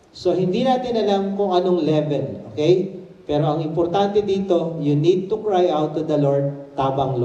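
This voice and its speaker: Animated high-voiced preacher in echoey hall. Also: male voice, highs cut off. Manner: animated storytelling preacher, mixing Tagalog and English, rising to shouts. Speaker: pastor. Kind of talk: sermon. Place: church hall. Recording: echoey church room, mic at a distance.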